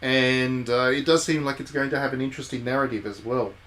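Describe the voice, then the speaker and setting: A man with a mid-range, fairly bright voice talks a little fast with fairly even intonation, giving casual live commentary on a game. A game streamer and former journalist, he adds wry, playful asides and reads some on-screen text. The recording is clear of background noise.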